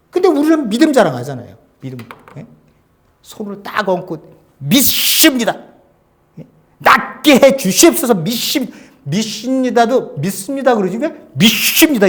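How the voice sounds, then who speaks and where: A pastor delivers a sermon in a very high voice, shifting from loud exhortation to hushed, almost whispered lines. He frequently poses rhetorical questions to the congregation.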